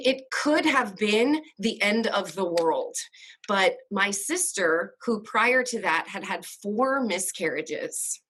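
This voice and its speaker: A woman in her forties sits as an interview guest and tells a personal story with earnest feeling. Her voice sits at an ordinary middle pitch. She talks in quick bursts and gets emotional. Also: fairly bright tone, husky.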